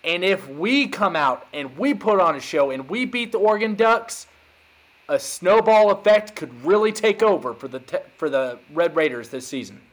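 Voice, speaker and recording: A man's voice: high-pitched, lively intonation, moderate pace. A man hosting a podcast, talking college football in a hyped, emphatic casual way. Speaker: podcast host. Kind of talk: casual sports chat.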